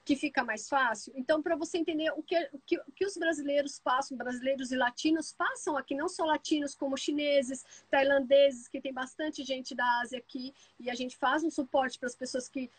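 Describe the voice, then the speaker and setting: A woman with a Brazilian Portuguese accent hosting a live stream, telling stories fast and full of asides. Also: high-pitched, dry recording, low-quality recording. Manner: lively storyteller, talks fast with many asides. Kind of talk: casual live chat.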